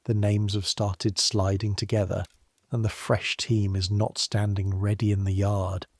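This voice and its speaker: A man calmly narrating a scripted history story for sleep, addressing the listener in measured second person. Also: fairly low pitch, dry recording, clean studio sound.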